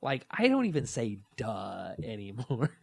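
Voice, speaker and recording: This podcast co-host is a man in his thirties whose medium-pitched voice is creaky and slightly rough, and he speaks unhurriedly. In casual chat he tells stories with animation, acting out the quotes.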